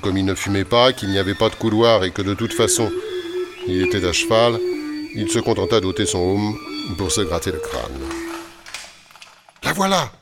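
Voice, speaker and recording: A man narrating a storybook tale in a wry, lively storytelling manner. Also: deep voice, normal speed. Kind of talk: storybook reading. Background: music.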